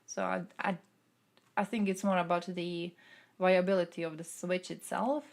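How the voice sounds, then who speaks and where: Croatian woman, gravelly casual streamer voice. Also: lowish voice, flat delivery, normal speed, a little mellow. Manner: thinking aloud with fillers, reads chat questions out. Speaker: streamer answering chat. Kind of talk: casual political chat.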